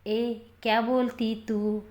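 A woman's voice: a little high, level tone, slow, a little mellow. A woman voicing rowdy young male street thugs who jeer coarsely in a storybook reading. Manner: jeering, coarse.

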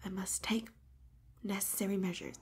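In an audio roleplay, a voice actress plays an obsessive, clingy female robot companion, speaking breathy and hushed into a close mic at medium pitch and normal speed. Her mood is calm and possessive as she swings from pleading to eerily calm control.

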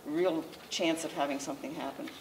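Low-pitched and fairly even in intonation, an older woman, the local historical society president, lectures informally from a slideshow to a small audience in a library meeting room indoors. Her talk is conversational and halting, with restarts throughout. A distant camera mic records the masked speaker along with faint room noise.

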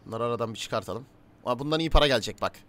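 A man giving casual let's-play commentary, chatting to game characters and his viewers, swinging from low mutters to loud calls. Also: expressive, very fast. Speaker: gaming YouTuber.

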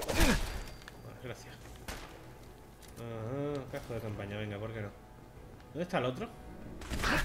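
A man with a Spanish accent from Spain, giving chatty, sarcastic let's-play commentary with sudden loud outbursts. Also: mid-range voice. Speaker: gaming video host. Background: game music.

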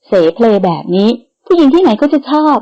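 A woman's voice: high-pitched, sing-song, a little fast, warm tone, highs cut off, pitched above the performer's own voice. Commanding old grandmother, read by a woman. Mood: stern. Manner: authoritative, scolding. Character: stern elderly grandmother, commanding matriarch.

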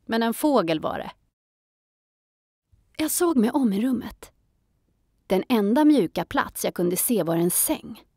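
A woman narrating a children's audiobook in a calm storytelling manner. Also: fairly high pitch, pauses often, breathy edge, dry recording, clean studio sound.

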